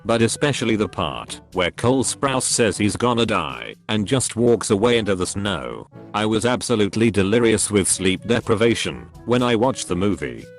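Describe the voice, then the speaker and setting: A man narrating a series of online posts, reading them aloud in a steady, even delivery. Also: fairly low pitch.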